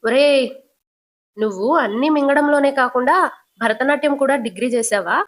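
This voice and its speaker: A sarcastic young husband throws out teasing jabs at his family, as a woman puts him on. His voice sits a little high. The delivery is quick and mocking, like a retold soap scene. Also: lightly acted.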